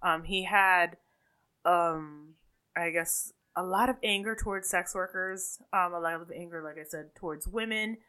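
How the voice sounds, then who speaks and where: A woman's voice: fairly low pitch, measured pace, bright, forceful tone, clear, resonant tone. A woman with a Caribbean accent co-hosting a casual true-crime chat, talking in a hesitant, self-correcting way. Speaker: podcast co-host.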